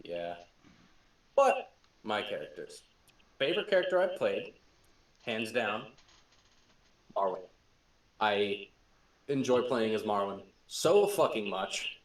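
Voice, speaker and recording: Sitting far from the mic in an echoey room, a young man hosts a casual podcast as game master, swearing, laughing and telling tabletop stories excitedly with a swinging voice. His voice is fairly low, slow, and full of frequent pauses.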